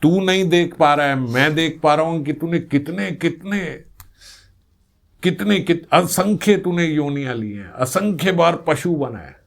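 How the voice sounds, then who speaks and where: Guy giving a devotional talk, kinda high voice with gravelly fry, earnest, repeats stuff to drive it home. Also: unhurried. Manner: earnest, repeats phrases for stress, acts out little scenes. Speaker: spiritual speaker. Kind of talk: devotional discourse.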